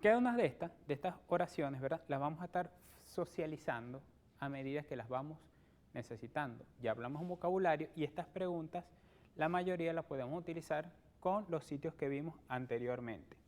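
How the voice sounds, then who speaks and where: Venezuelan guy teaching english on tv, kinda high voice, patient, says ok a lot, drills words slow. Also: darkish tone. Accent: Venezuelan Spanish. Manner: patient, repeats words and checks with "¿ok?". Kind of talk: televised lesson.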